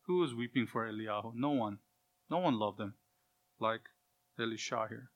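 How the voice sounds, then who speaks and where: A man preaching an expository Bible lesson, stressing key words loudly and dropping to quiet asides, with Hebrew pronunciations of names. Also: fairly low pitch, moderate pace, dull audio. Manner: emphatic, swings from loud stresses to quiet asides.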